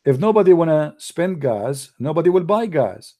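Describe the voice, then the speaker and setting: A man delivering an animated, sarcastic ranting monologue in broken English grammar, often breaking into mocking laughter. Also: a little high, normal speed. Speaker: online commentator.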